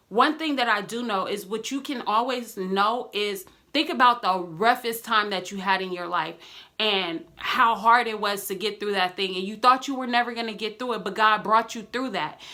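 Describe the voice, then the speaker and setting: A young woman talking casually in a vlog, telling a story with lively acted-out quotes and encouragement. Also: on the high side. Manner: animated storytelling, acts out quoted friends. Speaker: vlogger.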